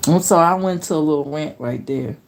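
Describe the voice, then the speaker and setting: A woman's voice: low-pitched, brisk, low-quality recording. A middle-aged woman streamer telling stories in a blunt, profane, fired-up casual rant. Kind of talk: casual ranting chat. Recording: steady background noise.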